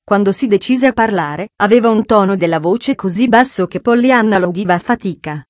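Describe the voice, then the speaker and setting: A woman's voice: mid-range voice, no echo. Woman narrating a storybook, dry close sound. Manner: measured, expressive storytelling. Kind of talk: audiobook narration.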